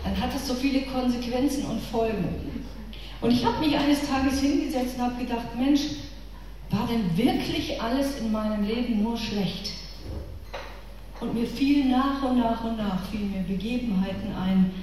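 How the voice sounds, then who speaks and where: Her voice pitched fairly high with a darkish tone, a middle-aged woman speaks at a moderate pace to a women's church group. She has a northern German accent and keeps her faith talk chatty and personal, speaking straight to her audience. The recording is distant, echoey and carries room noise.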